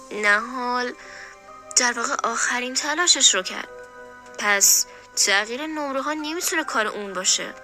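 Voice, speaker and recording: A woman voicing a thoughtful, clever teenage schoolgirl who reasons things out in a measured way. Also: a little high, sharp tone.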